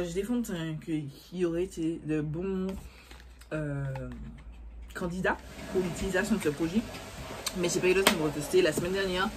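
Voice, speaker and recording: A woman's voice: on the low side, a little hiss or hum. A young woman talking casually to her viewers about makeup, rambling and cursing freely when annoyed. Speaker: beauty vlogger. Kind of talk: casual chat to camera.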